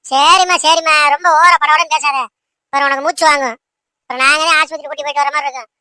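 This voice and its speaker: A woman voicing a protective mother in a cartoon who talks back in brisk, snappy retorts. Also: high voice, steady tone, pushed and bright, no room sound. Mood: irritated.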